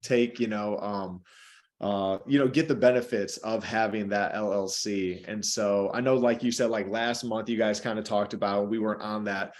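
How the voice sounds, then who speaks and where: A man's voice: fairly low pitch, steady tone, normal speed. A man on a video call, talking casually with many fillers and restarts. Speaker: call participant.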